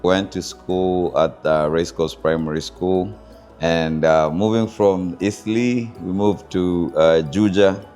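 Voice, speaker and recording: A man from Kenya with a Kenyan accent, telling his life story in an interview and often pausing with fillers as he searches for words. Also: low-pitched, fairly even intonation, a little mellow, soft background music. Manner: thoughtful, searching for words with many pauses and fillers. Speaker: interview guest, founder of a culture group.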